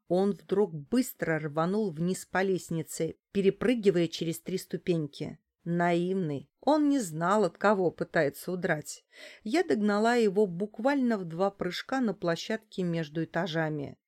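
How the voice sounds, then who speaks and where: A woman with a lowish voice narrates a first-person detective story. Her storytelling is brisk and ironic, with a wry edge. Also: a little mellow. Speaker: audiobook narrator.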